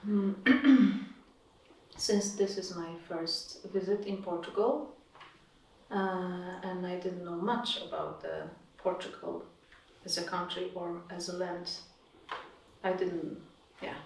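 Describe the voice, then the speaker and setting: A woman, an artist talking in a measured way and searching for her words, recorded from a distance in an echoey room. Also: fairly low pitch, steady tone, a little mellow, a little hiss or hum. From Poland. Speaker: visiting artist. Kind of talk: reflective conversation.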